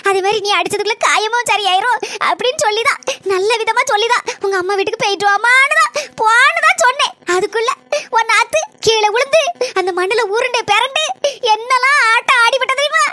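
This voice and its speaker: Cartoon casting: shrill, fast-talking, scheming mother-in-law with a Kanyakumari Tamil accent, bright dry sound. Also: dry recording. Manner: shrill, rapid, repeats words insistently. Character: scheming middle-aged mother-in-law, defensive and pleading. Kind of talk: cartoon voice acting.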